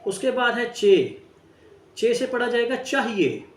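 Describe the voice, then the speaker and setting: A man's voice: very high voice, big pitch swings, slow. A man teaching a Braille lesson, spelling out each word letter by letter and talking straight to his students. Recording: echoey room, distant mic.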